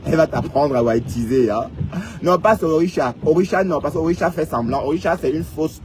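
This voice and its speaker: A man with a fairly high voice talks straight to his online audience in a teasing, sing-song live-stream ramble. He keeps checking in with a mocking "hein?". A loud engine and water rumble sit under his voice throughout. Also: brisk. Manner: teasing, sing-song, addressing viewers directly with many "hein?".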